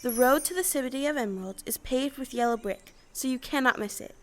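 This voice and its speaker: A woman acting a kindly old good witch in a stage audio play, with deliberate, formal, solicitous speech. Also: sits high, a bit bright. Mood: reassuring.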